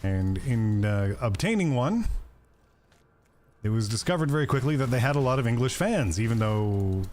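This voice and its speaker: A man's voice: mid-range voice, animated, moderate pace, a little mellow. A man streaming a video game, chatting casually and joking with viewers while he plays. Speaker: gaming streamer. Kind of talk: casual gameplay commentary.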